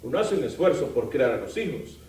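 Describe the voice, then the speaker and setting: A man preaching a sermon as pastor, lively, asking the congregation questions and adding light humor. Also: medium pitch, fairly quick. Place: church sanctuary. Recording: roomy, from far off the mic.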